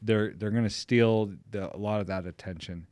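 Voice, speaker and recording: A middle-aged man from the Pittsburgh area telling family stories in a casual chat, animated when amused. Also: fairly low pitch, moderate pace, dry recording. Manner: animated anecdote teller, voice jumps up when amused. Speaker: podcast guest.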